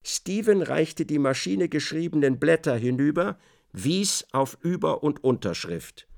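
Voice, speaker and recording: Gravelly male narrator, measured literary delivery, lively intonation. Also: fairly high pitch. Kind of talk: literary narration in a radio drama.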